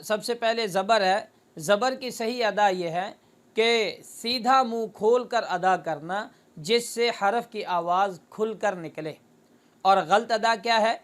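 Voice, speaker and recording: A man teaching Quran reading. He explains pronunciation and draws out each syllable slowly to demonstrate it. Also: high voice. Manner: slow, drawn-out demonstration of syllables between explanations. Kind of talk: explanatory lesson.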